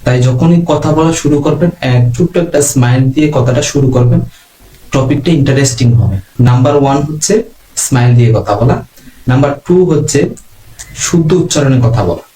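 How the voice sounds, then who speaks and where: বাংলাদেশের এক পুরুষ অনলাইন ক্লাসে যোগাযোগ দক্ষতা শেখাচ্ছেন, ধীর ও মাপা ভঙ্গিতে একটার পর একটা টিপস দিচ্ছেন।. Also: male voice, mid-range voice. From Bangladesh. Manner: calm, measured teaching with numbered tips. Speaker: online class instructor. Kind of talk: online lesson on communication skills. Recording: roomy echo.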